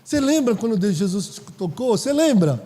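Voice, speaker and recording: High-voiced São pastor preaching. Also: male voice, very animated, a little fast, warm tone. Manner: conversational preaching, asks the congregation questions. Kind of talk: sermon. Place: church hall. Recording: reverberant church hall.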